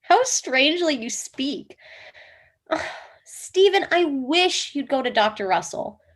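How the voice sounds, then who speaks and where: A woman reading a high, animated earnest wife. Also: slow pace. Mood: pleading. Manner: emphatic, theatrical delivery. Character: earnest wife devoted to dream analysis, woman. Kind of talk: comic play reading.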